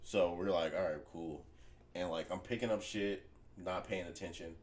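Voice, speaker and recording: A man's voice: low-pitched, steady tone, moderate pace. A man hosting a podcast, telling a story in a loose, profane way and laughing often. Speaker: podcast host.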